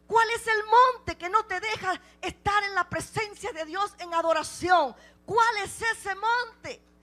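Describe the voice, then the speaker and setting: A woman preaching a sermon with passion, firing off repeated rhetorical questions and swinging between loud exclamations and hushed passages. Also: very high voice, unhurried.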